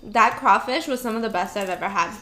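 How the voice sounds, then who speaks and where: A bubbly young woman chats between bites as she hosts her own eating vlog. Her voice sits high and bright, with giggles and the odd casual curse word. A faint hum of noise runs underneath. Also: a little fast. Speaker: mukbang vlogger.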